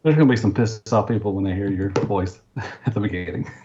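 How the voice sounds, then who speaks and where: A man's voice: lowish voice, a little fast, mellow, muffled recording, slight background noise. A man co-hosting a podcast, teasing and dry, laughing often in casual banter. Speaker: podcast co-host.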